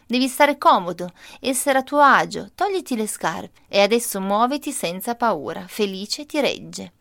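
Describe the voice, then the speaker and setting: A man's voice: sits high, expressive, moderate pace, gravelly, fairly bright tone, dry recording, full character voice. Cheerful, coaxing old grandpa in a storybook, voiced by a woman narrator, dry close sound. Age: older. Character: cheerful loving grandfather, patient and playful.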